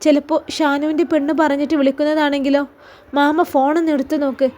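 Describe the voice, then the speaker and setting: A woman narrates a family story with a Malappuram Malayalam accent. Her voice sits high, and she voices every character in the same natural tone, with no put-on voices. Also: little pitch movement, fast talker, a little mellow. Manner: reads all characters' lines in her own voice. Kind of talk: scripted story narration with dialogue.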